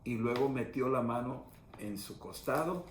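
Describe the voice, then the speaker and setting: Man pastor, middle-aged, steady explaining sermon, medium pitch, echoey room, faint hiss. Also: measured pace. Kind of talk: conversational sermon teaching.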